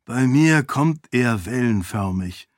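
A man voicing a young exiled prince who is in pain, speaking tensely and with strain, higher than his narration. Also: animated, slow, no room sound, clean studio sound. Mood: troubled.

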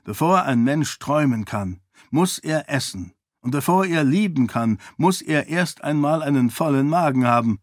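An earnest young prince pleads and persuades, as a man reading the book voices him. His voice lifts higher as he argues. The sound is dry and close. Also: animated, moderate pace, dry recording. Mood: urgent persuasion.

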